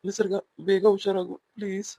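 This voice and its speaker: A woman's voice: mid-range voice, flat delivery, fairly quick, warm tone, slightly rough, dry recording, low-quality recording. Woman doing a young cartoon husband, worried and begging, mid voice, dry sound. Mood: tender. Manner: pleading, urgent. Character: young husband, anxious and tender. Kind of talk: cartoon voice acting.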